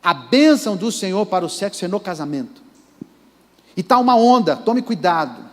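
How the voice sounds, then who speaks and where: A Brazilian pastor delivers an emphatic sermon in a fairly high voice, calling out directly to his listeners. The sound rings with the long reverb of a church sanctuary. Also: very animated, moderate pace. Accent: Brazilian Portuguese. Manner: emphatic, addresses the congregation directly.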